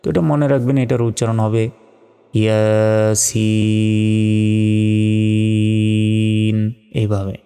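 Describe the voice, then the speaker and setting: A man teaching Quran recitation, carefully spelling out each letter and vowel mark, then chanting the words in long drawn-out tones. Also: medium pitch, vocal fry, warm tone, big-room sound, faint music behind. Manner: slow, deliberate spelling out, drawn-out melodic recitation.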